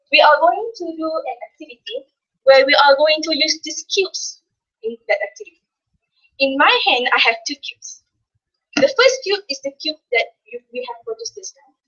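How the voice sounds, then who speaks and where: A woman from Malaysia giving slow, clear instructions as she leads a workshop activity. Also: high voice, fairly bright tone. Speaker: teacher presenting a workshop. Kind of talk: classroom demonstration. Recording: dull lo-fi classroom recording.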